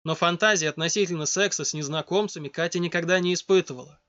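Man narrating a story, high voice. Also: fast talker. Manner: steady storytelling read. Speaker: audiobook narrator. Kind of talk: scripted narration. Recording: dull lo-fi dry recording.

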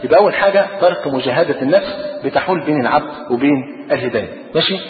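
A man with an Egyptian Arabic accent gives a religious lecture, talking rapidly and putting rhetorical questions to his listeners. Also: on the high side, expressive. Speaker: preacher. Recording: tinny phone-like recording in an echoey hall.

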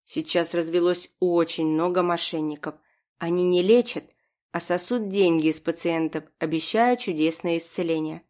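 A bossy old woman doctor barks her orders, low and loud, voiced by a woman reading an audiobook. She speaks in a hard, commanding way and puts up with no argument. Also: steady tone, normal speed, natural voice. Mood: imperious. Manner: commanding, barking. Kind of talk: audiobook character voice.

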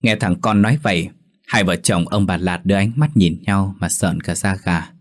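Male ghost story narrator, lowish voice, steady delivery. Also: normal speed.

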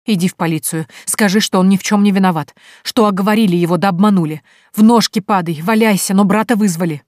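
A woman's voice: mid-range voice, quick pace, darkish tone, dry recording, clean studio sound, close to an everyday voice. A woman reading an audiobook, voicing a tearful, spiteful and domineering older merchant's wife who wails and scolds. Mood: pleading. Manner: wailing, scolding, indignant.

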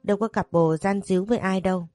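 A woman's voice: medium pitch, steady tone, fast, mellow, no echo, clean studio sound, soft background music, lightly acted. Woman voicing a smarmy scheming young man. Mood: pleading.

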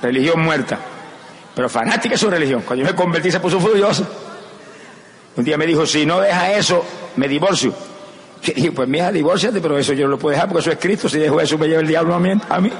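Predicador de acento puertorriqueño, voz aguda y sala resonante. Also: male voice, fairly high pitch, quick pace. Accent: Puerto Rican Spanish. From Puerto Rico. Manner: swings from soft storytelling to loud shouted exclamations. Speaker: evangelist preacher. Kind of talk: fervent sermon with personal testimony. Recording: echoey hall recording with crowd noise.

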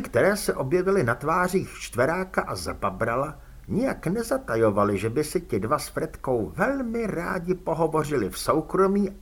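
Husky guy reading an audiobook, lively delivery, middle pitch. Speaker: audiobook narrator. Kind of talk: scripted narration.

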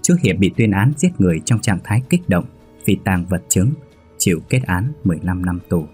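A man narrating a scripted horror story in a steady, even reading. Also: sits low, fairly quick, slightly rough. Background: faint music.

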